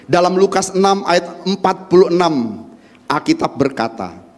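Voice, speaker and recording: A man preaching a church sermon, swinging from shouting to near-whispers and calling the congregation to answer amen. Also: sits high, very animated, moderate pace. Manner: asks the congregation questions and calls for amens. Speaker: pastor. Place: church during a Sunday service.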